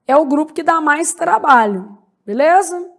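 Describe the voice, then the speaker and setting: Slow high-voiced woman teaching. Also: expressive. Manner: slow, spells out words syllable by syllable, frequent "né?" and "beleza?". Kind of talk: grammar lecture.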